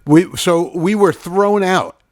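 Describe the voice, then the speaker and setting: A man's voice: high voice, slow pace, dry recording, studio quality. A man co-hosting a comedy show, cracking jokes and telling stories in casual banter. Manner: jokey, animated storytelling.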